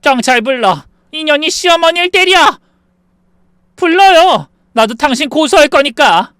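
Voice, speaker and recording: A man's voice: a little high, a little fast, a bit bright, clear, resonant tone, no echo, clean studio sound, close to an everyday voice. A man voicing a drunk, furious older woman who screams insults at her daughter-in-law. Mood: enraged. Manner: shrieking, slurring insults.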